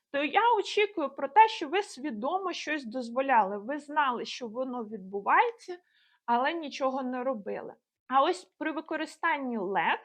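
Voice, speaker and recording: A woman explaining English grammar as a teacher, in clear, measured speech and slowing down to spell out example phrases. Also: on the high side.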